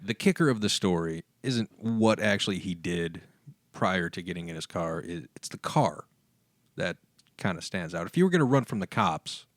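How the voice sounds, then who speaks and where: A man with a low voice co-hosts a relaxed podcast and tells a story with easygoing, dry humor. The recording is dry and close to the mic. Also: normal speed, no echo. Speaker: podcast co-host. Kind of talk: casual chat, telling a news story.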